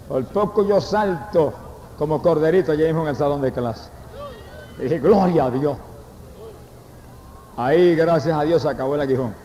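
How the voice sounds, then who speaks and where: An older man with a Puerto Rican accent preaching a fervent testimony sermon, breaking into shouted praise. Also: on the high side, a little hiss or hum. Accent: Puerto Rican Spanish. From Puerto Rico. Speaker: evangelist preacher. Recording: echoey hall, dull lo-fi recording.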